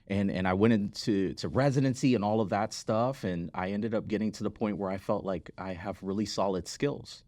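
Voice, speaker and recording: On the low side and darkish in tone, this man's voice moves at a moderate pace with hardly any pauses, captured in a dry recording. He's a podcast guest, a physical therapist who founded a business, telling his story conversationally, stressing key words and frequently asking "right?".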